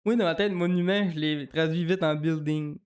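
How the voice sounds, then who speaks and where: Quebec French man, podcast co-host, high-ish voice, lively, swears a lot. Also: normal speed. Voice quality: animated, swears a lot, laughs often. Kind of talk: casual chat.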